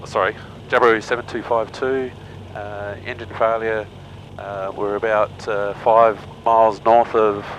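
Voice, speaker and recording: A man speaks through a cockpit headset intercom in a small plane. His voice sits low and he talks in halting bits, full of fillers. A faint hum of the aircraft is behind him. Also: highs cut off. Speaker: student pilot. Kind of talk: practice emergency radio call.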